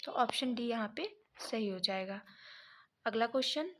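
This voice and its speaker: A woman teaching an exam prep lesson, reading each option and then correcting it step by step, sometimes pausing to check her notes. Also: fairly high pitch, expressive, slight background noise. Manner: pauses to check notes mid-sentence.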